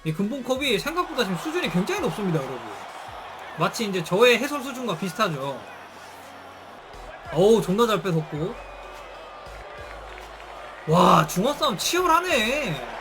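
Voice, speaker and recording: A man giving excited live commentary on a football video game, with shouted bursts at big plays and casual slang. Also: sits high, moderate pace, long pauses. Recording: stream with game music and crowd noise.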